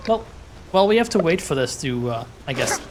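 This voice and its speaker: A gaming streamer plays and comments in casual let's-play style, playful and often talking to themself. The medium-pitched voice swings widely in pitch and moves briskly. Game music plays behind it, and the background is noisy.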